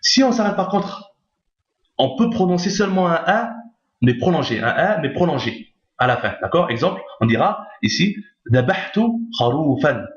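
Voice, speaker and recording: A man's voice: a little high, animated, normal speed. A man teaching a recorded Arabic reading lesson, patiently repeating each point and checking understanding. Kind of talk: recorded lesson explaining on screen. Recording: roomy, dull lo-fi recording.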